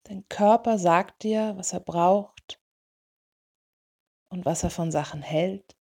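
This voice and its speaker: Slow, mellow woman guiding a meditation. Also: fairly low pitch, gravelly. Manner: soothing, gentle, unhurried delivery in short phrases. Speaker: meditation guide for dog owners. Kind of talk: guided meditation.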